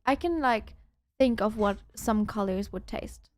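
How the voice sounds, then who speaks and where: A woman's voice: mid-range voice, a little slow. A woman from Germany in casual chat as a co-host, playful and prone to giggling. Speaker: co-host of confessions show.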